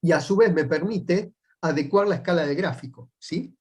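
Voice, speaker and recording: A man with a Rioplatense Spanish accent walks a class through navigation methodically. His voice sits a little on the high side, and he keeps checking in with short rising tags after each point. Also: moderate pace, a little mellow. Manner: patient, methodical step-by-step explaining. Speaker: sailing instructor. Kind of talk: explanatory class lecture.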